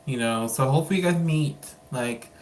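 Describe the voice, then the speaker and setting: An interview host with a mid-range voice who talks in an excitable, loose way. The speech is scattered with "like" and "um" fillers. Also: mid-range voice, fairly quick. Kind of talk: casual interview chat.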